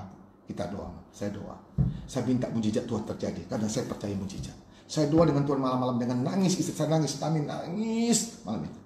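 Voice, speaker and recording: Fast-talking male pastor preaching in an echoey room. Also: a little hiss or hum. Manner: swings from quiet storytelling to loud high-pitched preaching; addresses the congregation as brothers and sisters. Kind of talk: sermon with personal testimony. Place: church.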